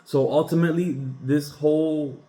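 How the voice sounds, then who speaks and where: A Cuban man hosts a podcast, airing his opinions in a casual, emphatic monologue that keeps stopping and starting again. His voice is fairly high and mellow, with a steady tone and moderate pace. The room sounds large and echoey.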